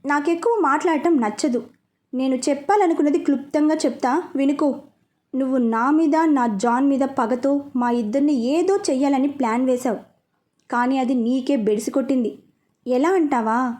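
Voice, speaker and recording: A blunt, sharp-witted young gang leader, as a woman puts him on in an audio storybook. He talks in short, dry, clipped statements. The voice sits high and sounds mellow and soft-edged. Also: moderate pace. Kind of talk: storybook character reading.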